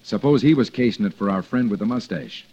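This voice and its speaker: A man's voice: lowish voice, animated, fairly quick, dark tone, husky. An actor playing a hard-edged man on the run after a false accusation, in clipped, insistent old-time radio drama style. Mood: determined. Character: hard-edged male fugitive wrongly accused. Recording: dull lo-fi old radio recording.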